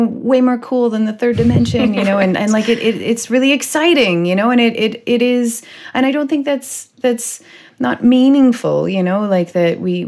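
A woman's voice: medium pitch, darkish tone. A woman hosting a casual podcast conversation, rambling with lots of "like" and "you know". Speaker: podcast host.

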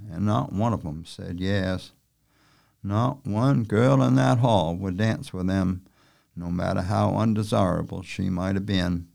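A man narrating a novel aloud in a folksy, unhurried storytelling manner with rural turns of speech. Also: on the low side, vocal fry. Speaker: audiobook narrator.

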